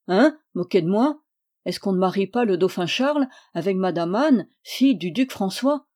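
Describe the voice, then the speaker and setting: A woman's voice: mid-range voice, lively intonation, normal speed, darkish tone, close to an everyday voice. Woman reading as a chatty old monk. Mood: alarmed.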